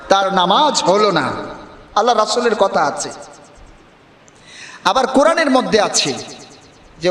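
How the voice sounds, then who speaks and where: High-voiced preacher in an echoing hall. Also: male voice. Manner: asks the listeners many rhetorical questions; forceful and emphatic, sometimes raises his voice. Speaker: Islamic preacher. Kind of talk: religious sermon. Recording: echoey, with long reverb.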